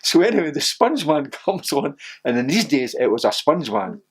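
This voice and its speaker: Older ex-footballer, husky, animated anecdotes, laughs a lot. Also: male voice, normal speed. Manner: laughing anecdotal, gets loud and high when excited. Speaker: former footballer interviewee. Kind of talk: animated storytelling.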